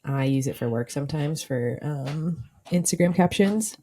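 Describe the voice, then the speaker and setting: A woman's voice: low voice, moderate pace, warm tone, slight background noise. A young woman in her twenties co-hosting a podcast, telling stories in casual chat with lots of "like" fillers while she is a bit sick. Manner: chatty storyteller, many "like" fillers. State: sick, coughing. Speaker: podcast co-host.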